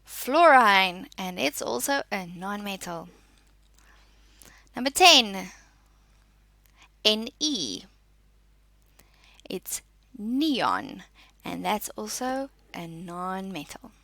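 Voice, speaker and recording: A female teacher reads out and explains lesson material in a spoken lesson, using short, deliberate statements. Her voice is bright and forceful with a noticeable creak, and her pitch moves in a lively way. She takes her time in an instructive manner, and there's no echo.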